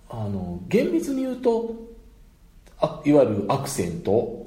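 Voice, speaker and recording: A man with a Kansai accent, an English teacher explaining pronunciation in an emphatic, animated, laughing way. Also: medium pitch. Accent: Kansai Japanese. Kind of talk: casual explanatory talk. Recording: roomy echo.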